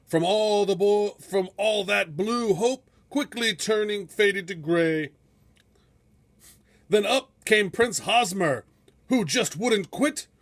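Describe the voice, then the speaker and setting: A male storybook reader with a high register tells the tale unhurriedly, in a theatrical, measured, epic style suited to heroic verse.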